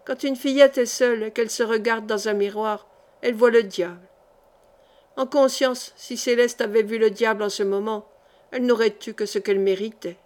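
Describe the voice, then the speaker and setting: A woman's voice: fairly high pitch, fairly even intonation, normal speed, darkish tone. Woman reading a historical novel aloud. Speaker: audiobook narrator. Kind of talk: literary audiobook reading.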